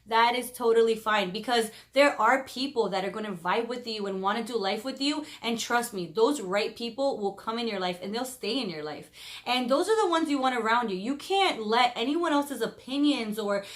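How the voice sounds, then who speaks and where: A woman of about thirty talking to camera in a casual vlog, openly expressive and chatty, speaking of her faith. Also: on the high side, normal speed. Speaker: vlogger.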